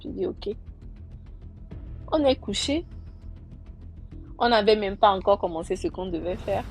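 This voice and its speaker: A woman casually telling a personal story, lively and animated, acting out the lines she quotes. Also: medium pitch, moderate pace. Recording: music bed behind the voice. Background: faint tense background music.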